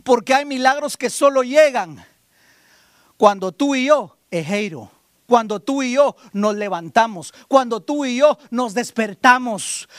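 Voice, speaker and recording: A man preaching a sermon as pastor, telling a story dramatically, acting out voices and swinging from shouting to hushed asides. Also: very high-pitched, dry recording, clean studio sound.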